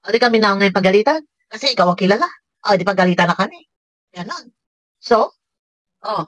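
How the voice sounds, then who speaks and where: A woman's voice: medium pitch, animated, brisk, fairly bright tone, no echo. A woman reacting to a clip, scolding and mocking its speaker with frequent laughs. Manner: scolding, sarcastic, laughs often. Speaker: reaction vlogger. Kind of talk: reaction commentary.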